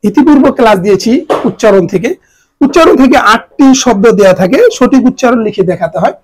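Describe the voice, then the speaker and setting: A man teaching a grammar lesson to students, spelling out the pronunciation of words slowly, letter by letter. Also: very high voice, expressive, slight background noise, poor audio. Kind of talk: exam-prep grammar lesson.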